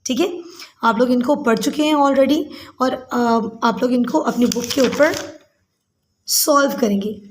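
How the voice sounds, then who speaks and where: A woman teacher gives a lesson to young pupils. She calls them "beta" and fills her pauses with "uh". She slows down to read English words aloud. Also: high voice, slight background noise. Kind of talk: recorded class lesson for children.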